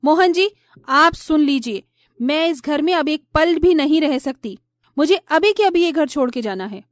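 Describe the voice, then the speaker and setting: A woman voicing a vain, haughty young daughter-in-law in a storybook tale, who talks in a shrill, sneering, bossy way. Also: lively intonation, moderate pace, dry recording, clean studio sound. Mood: shrieking. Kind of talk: storybook voice acting.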